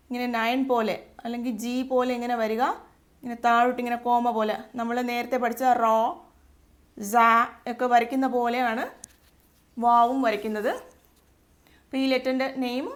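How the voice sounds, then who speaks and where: An Arabic tutor with a Malayali accent leads a step-by-step alphabet lesson in a slightly high voice. She's slow and patient, repeating every letter sound twice for learners to copy, and her delivery is flat.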